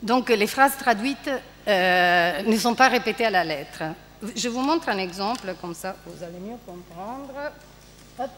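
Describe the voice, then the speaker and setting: A woman's voice: medium pitch, animated, a little slow, a bit bright. A woman giving a university lecture on translation, hesitant, with many fillers. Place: lecture hall. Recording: reverberant lecture hall.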